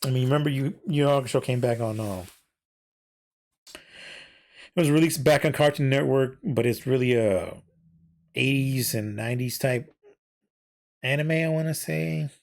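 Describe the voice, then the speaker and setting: A man in the middle range of pitch talks loosely into a desk mic, wandering through his thoughts with fillers and restarts. His voice is wearing thin from talking so long. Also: a little slow, creaky, pauses often, darkish tone. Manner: rambling, many fillers and self-corrections. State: losing his voice. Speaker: podcast host and VTuber. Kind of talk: casual solo podcast chat.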